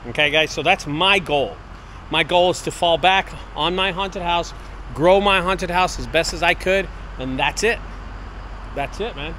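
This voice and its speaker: A man's voice: on the high side, unhurried, pushed and bright. Earnest man in his forties vlogging. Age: 40s. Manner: earnest, repetitive motivational pep talk. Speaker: business owner vlogger. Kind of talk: casual walk-and-talk vlog. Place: outdoors and in a large empty warehouse. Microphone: wireless earbud mic, handheld camera. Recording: faint outdoor noise.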